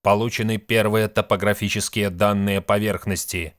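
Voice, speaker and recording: A monotone ship's computer from a sci-fi audiobook, as a male reader puts it on, speaking in a loud, slow, evenly clipped voice. Each report lands flat and machine-like, pitched fairly low. The sound is dry and close. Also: no room sound, close to an everyday voice. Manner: monotone, mechanical, measured. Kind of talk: audiobook reading.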